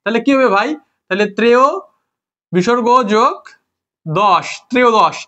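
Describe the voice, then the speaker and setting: High-voiced man tutoring grammar. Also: normal speed, a bit bright. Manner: repeats words and asks rhetorical questions; self-correcting, apologizes for slips. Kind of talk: informal classroom lesson, addressing students. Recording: dull lo-fi recording.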